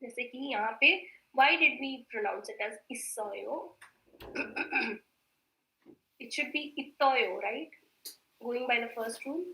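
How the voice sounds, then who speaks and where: A woman teaching a Korean grammar class online, patient and repetitive, often clearing her throat and mixing in Hindi. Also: on the high side, pushed and bright, reverberant, rough recording. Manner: patient, repeats words slowly, mixes in Hindi.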